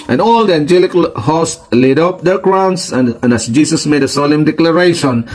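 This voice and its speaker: Filipino pastor preaching emphatically. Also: male voice, on the high side, normal speed, darkish tone, low-quality recording. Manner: reads passages in English then explains them in Tagalog, repeating points emphatically. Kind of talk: preaching sermon, reading and explaining scripture.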